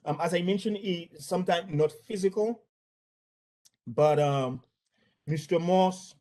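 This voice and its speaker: A former bank employee, a Haitian man with a Haitian accent, gives spontaneous testimony about incidents at work. His voice sits high with a warm tone, and he speaks haltingly, often repeating words and phrases.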